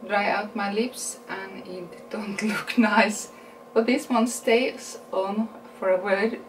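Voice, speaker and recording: Speaking English with a Norwegian accent, a beauty vlogger in her forties casually walks through a makeup haul, fixing her words as she goes and laughing at her own English in a chatty, unhurried way. Her mid-range voice is far from the camera mic, recorded in a small room with roomy acoustics and constant hiss.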